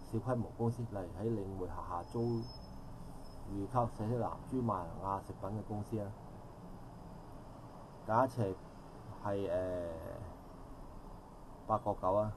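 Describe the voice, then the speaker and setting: Speaking up at a public forum held outdoors in a park, a middle-aged man with a Hong Kong Cantonese accent gives a long, wandering comment, phrased formally and often correcting himself. His voice is lowish, with background noise behind it.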